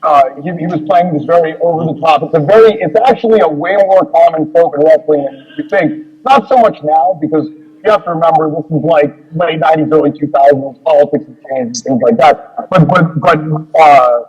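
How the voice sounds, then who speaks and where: Husky, rambling storyteller man. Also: on the high side, fairly quick, a little mellow, muffled recording. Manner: rambling, filler-heavy, acts out dialogue. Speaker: guest wrestler. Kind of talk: casual storytelling interview.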